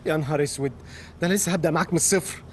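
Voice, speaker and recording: A man's voice: a little high, slight background noise, natural voice. An actor with an Egyptian accent playing a flustered, exasperated young man in a comedy film, bossing someone around. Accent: Egyptian Arabic. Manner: exasperated, bossy, rapid scolding.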